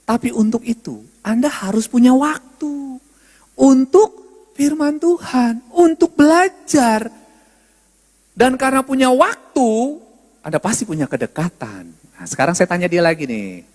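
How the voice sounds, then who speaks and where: High, lively-voiced pastor preaching in a church hall. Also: male voice, unhurried. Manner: animated, joking, loud voice. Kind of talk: humorous sermon. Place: church sanctuary.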